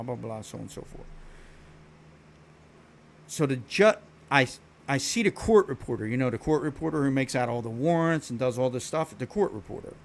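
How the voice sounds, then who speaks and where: A live streamer from Philadelphia tells his viewers stories in a blunt, profane, rambling way, restarting often. His voice sits at medium pitch, with slight background noise.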